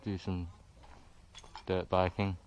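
A man's voice: sits low, completely flat delivery, slow pace, a little mellow, slight background noise. A young man giving casual running commentary while climbing through ruins, wearing a head camera outdoors. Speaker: vlogger exploring ruins. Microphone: head-mounted action camera.

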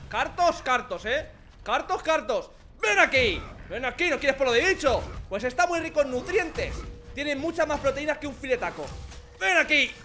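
A young man with a Spain Spanish accent, joking and shouting excitedly as he commentates a video game. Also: very high-pitched, a little hiss or hum. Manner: excitable, jokey, shouts at enemies. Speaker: gaming commentator. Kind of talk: let's play commentary.

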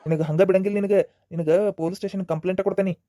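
A man's voice: sits high, steady tone, rapid-fire, mellow, no room sound, clean studio sound, close to an everyday voice. A man voicing an aging father of a grown daughter in a cartoon, with a North Karnataka accent, scolding and emotional, repeating himself. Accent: North Karnataka Kannada. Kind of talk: cartoon voice acting.

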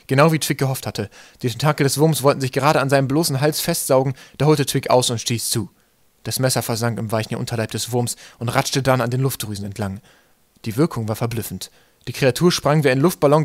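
A man reading an audiobook in calm, steady narration. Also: medium pitch, no room sound. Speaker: audiobook reader. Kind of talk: scripted narration.

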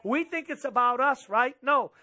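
Pastor, man in his thirties: high, bright, sermon delivery on a headset mic, animated with quoted asides. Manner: animated, gesturing preacher with quick quoted asides. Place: church stage with drum kit behind, indoors.

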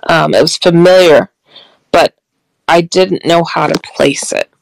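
A woman guest telling paranormal stories in an animated way, acting out the dialogue she quotes. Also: deep voice, a little slow, gravelly, no echo, poor audio. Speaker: paranormal researcher and author, guest. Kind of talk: candid storytelling interview.

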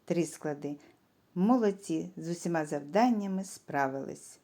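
A woman teaching young children. She is patient, asks simple questions and leaves pauses for answers, and she stretches words out syllable by syllable. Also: fairly low pitch, warm tone. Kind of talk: slow, clear lesson for young children.

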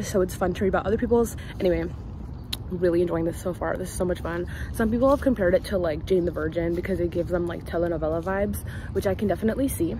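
A young woman in her twenties chatting upbeat and casually to her camera as a book vlogger, full of filler words. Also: on the low side. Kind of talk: casual vlog chat. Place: outdoors on city streets and in shops. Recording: street noise behind the voice.

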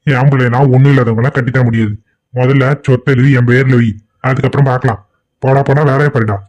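A gruff, boastful cartoon village thief and father, voiced by a man. He scolds and brags in an everyday middle pitch. The dull, lo-fi audio takes the shine off his voice. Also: fairly even intonation, quick pace, a little mellow, lightly acted. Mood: scheming. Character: scheming middle-aged male village thief, greedy father.

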